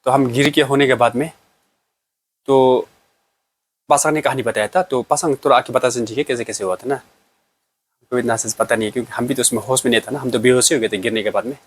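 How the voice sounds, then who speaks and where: A man's voice: medium pitch, fairly even intonation. Man casually telling his own story. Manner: plain, halting personal account. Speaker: vlogger.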